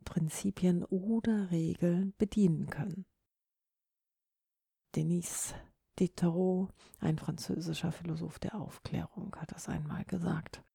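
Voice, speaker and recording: A woman hosting a solo podcast. She speaks in a soft, breathy, instructive way. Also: fairly low pitch, no echo, studio quality. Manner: instructive, demonstrates word stress on example sentences. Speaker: podcast host.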